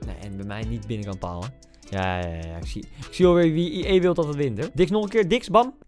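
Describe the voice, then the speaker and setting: A young man with a Netherlands Dutch accent commenting on his own football game, excitable and self-mocking, shouting at big moments. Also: medium pitch, fast, soft background music. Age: young adult. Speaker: gaming YouTuber. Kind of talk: gaming commentary.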